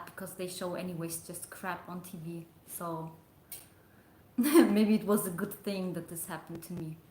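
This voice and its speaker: A young adult woman chatting casually on a livestream, rambling and hesitant with lots of fillers. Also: medium pitch. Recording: echoey room.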